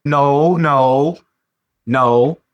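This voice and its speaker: A man hosting a sports podcast, talking in a casual, animated way with slang and lots of repetition. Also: mid-range voice, very slow, clear, resonant tone, lo-fi sound. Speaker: podcast host.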